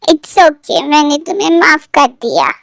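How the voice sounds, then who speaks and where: A woman voicing a tipsy, sulky young woman in love, reading a fan fiction story aloud, with pouty, drawn-out lines. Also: high voice, big pitch swings, gravelly, dry recording, heavily acted.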